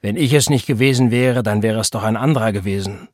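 A man's voice: fairly low pitch, fast, darkish tone, dry recording, clean studio sound, lightly acted. A man reading an angry, self-righteous preacher. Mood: scornful. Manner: indignant, defensive, scornful.

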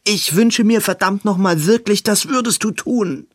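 A man reading an audiobook, voicing a young nobleman in a high, strained, gasping delivery. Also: normal speed, dry recording, studio quality. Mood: desperate. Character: young nobleman, breathless and pleading.

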